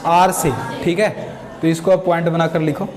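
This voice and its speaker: High-voiced man teaching a math class. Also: flat delivery, moderate pace, darkish tone. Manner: asks the class questions and answers them himself, repeats key terms; everyday village examples, dictates notes. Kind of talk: classroom lecture, explaining with questions.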